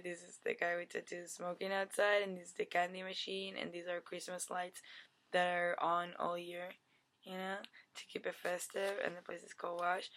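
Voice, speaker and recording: A woman in her twenties giving a deadpan comic pitch on a webcam in a dim bedroom, rambling with lots of "like" and "you know". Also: slight background noise. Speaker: vlogger. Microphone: webcam at desk.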